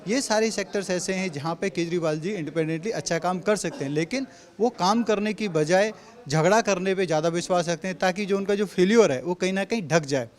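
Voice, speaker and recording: A man's voice: high-pitched, fairly quick. A man from Delhi, a party spokesperson, answering interview questions assertively and hammering his points home in Hindi with a Delhi accent. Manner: assertive, repetitive rhetorical points.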